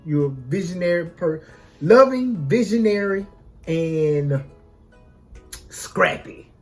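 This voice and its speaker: A woman's voice: fairly low pitch, expressive, slow, faint music behind. A woman chatting casually as a vlog co-host, folksy and repeating phrases for emphasis. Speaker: co-host of a couple's mukbang vlog. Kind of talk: casual chat.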